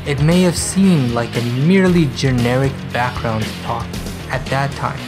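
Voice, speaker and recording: A man delivers dramatic scripted narration at an unhurried pace. He breaks sentences into short, emphatic phrases and lets each one land. Prominent music plays underneath his medium-pitched voice. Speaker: video essay narrator.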